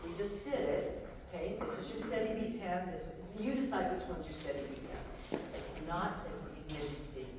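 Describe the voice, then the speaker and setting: A woman presenting a music workshop to adults, lively and animated, often breaking into short sung examples. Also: on the low side, fairly quick. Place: large echoey hall. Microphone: distant from the microphone. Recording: roomy echo, distant, noisy.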